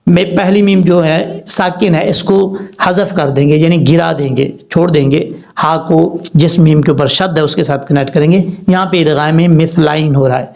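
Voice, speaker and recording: Man slowly spelling out recitation rules. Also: fairly high pitch, gravelly, darkish tone. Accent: Pakistani Urdu. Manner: slow, deliberate letter-by-letter spelling. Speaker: Quran recitation teacher. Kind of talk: spelling-out tajweed lesson. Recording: dull lo-fi recording.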